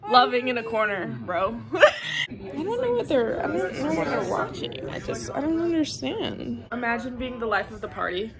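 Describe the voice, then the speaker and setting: A young woman vlogging at a party, giggly and playful, quick to joke. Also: on the high side, sing-song, a crowd in the background. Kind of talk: casual vlog chat. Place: at a house party, indoors and out.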